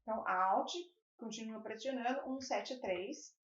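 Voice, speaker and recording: A woman teaching a video lesson, a native Spanish speaker with a fairly high voice. She explains patiently and keeps checking that her students follow. The room echoes and the sound is a little dull. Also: a little slow.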